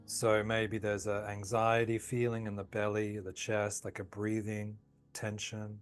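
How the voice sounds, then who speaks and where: A man with a fairly low voice leads a guided tapping session. He speaks slowly and soothingly, with soft music playing faintly behind him. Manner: calm, slow, soothing guidance. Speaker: tapping practitioner.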